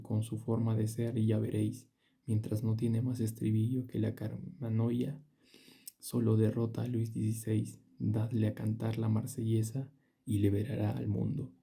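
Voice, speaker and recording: Audiobook narrator, male, measured reading, very dark and a little husky. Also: fairly low pitch. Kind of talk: reading a classic novel aloud.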